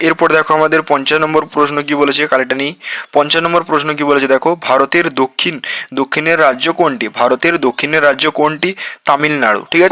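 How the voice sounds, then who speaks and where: Bright-voiced man teaching a quiz lesson. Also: a little high, dry recording. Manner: reads each question, then answers it himself; calls listeners "bhai", repeats himself and self-corrects. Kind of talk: exam-prep quiz lesson.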